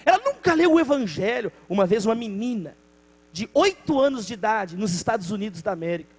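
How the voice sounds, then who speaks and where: Man, Brazilian Portuguese accent, pastor, impassioned sermon, very high-pitched voice, faint electrical hum. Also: very animated, fairly quick, slightly rough. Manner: impassioned preaching that acts out the people in the stories.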